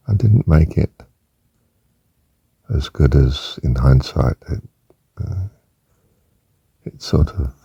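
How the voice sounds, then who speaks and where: A very deep, gravelly voice belongs to an older man, musing gently and rambling through a reflective monologue. His tone is dark and husky, and the recording sounds muffled and lo-fi. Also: no echo. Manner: gentle, rambling, with many asides and fillers. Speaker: personal reflection speaker.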